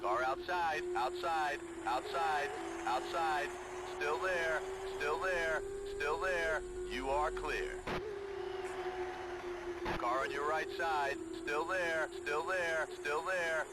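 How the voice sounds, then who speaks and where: Casting: racing game spotter, slightly higher-pitched man, short repetitive radio callouts, businesslike, buried in heavy vehicle noise. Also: takes it slowly. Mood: businesslike, alert. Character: male race spotter in a racing video game, alert and businesslike. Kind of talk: race spotter radio calls. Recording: very noisy, loud car engine.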